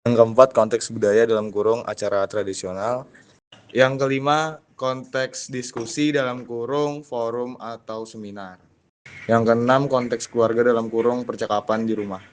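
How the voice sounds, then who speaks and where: A man's voice: mid-range voice, fairly even intonation, normal speed. A man student reading an educational video introduction, announcing points like a list. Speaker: student presenter.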